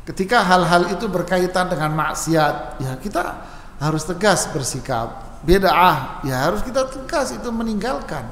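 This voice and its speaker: A man preaching at a mosque study session, answering questions in a relaxed, joking way and mimicking regional speech for laughs. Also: high voice, moderate pace, a little hiss or hum. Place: mosque hall. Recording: echoey mosque hall with long reverb, faint ambience.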